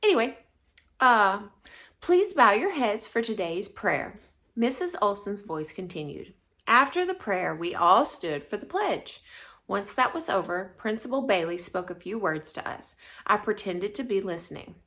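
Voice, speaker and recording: A woman teacher reading a children's chapter book aloud, expressive, with casual asides between passages. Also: medium pitch, moderate pace.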